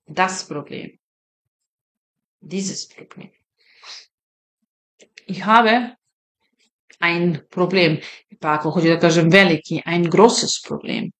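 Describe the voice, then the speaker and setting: A woman teaching German, slowly repeating example sentences and translating them into her own language, explaining points conversationally. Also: fairly low pitch. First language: Serbian. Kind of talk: slow, deliberate language lesson.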